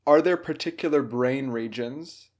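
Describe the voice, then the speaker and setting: A man's voice: medium pitch, a little slow. A man interviewing a guest, asking thoughtful, layered questions in a casual way.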